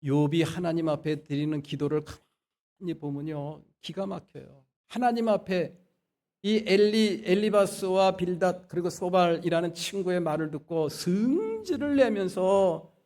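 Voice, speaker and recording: A man preaching a Sunday sermon as pastor. He moves between quiet asides and loud, emphatic exhortation. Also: sits high, steady tone, moderate pace. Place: church sanctuary.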